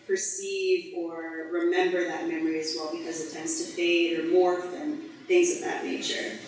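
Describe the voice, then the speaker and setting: A woman from Baltimore presenting her painting at an artist talk in a thoughtful, measured, somewhat formal way. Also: on the low side, a little mellow. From Baltimore, USA. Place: gallery event space. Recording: echoey room, heard from far off.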